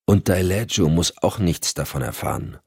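A man's voice: deep voice, expressive, normal speed, creaky, darkish tone, slightly rough, no room sound, exaggerated voice. A man voicing a cool, dry-witted male special agent who speaks curtly. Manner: curt, matter-of-fact.

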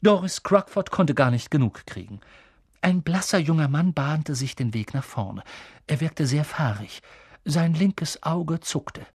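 Male narrator, animated storybook reading, husky edge, close and dry. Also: a little high, unhurried, dry recording. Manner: animated, breathy. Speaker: audiobook reader. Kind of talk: lively audiobook narration.

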